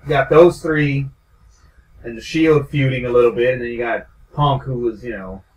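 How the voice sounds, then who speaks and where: A man's voice: mid-range voice, fairly even intonation, normal speed, a little mellow. A young man co-hosting a wrestling podcast, joking and swearing freely in casual talk. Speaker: podcast co-host. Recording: echoey room, far from mic, faint noise.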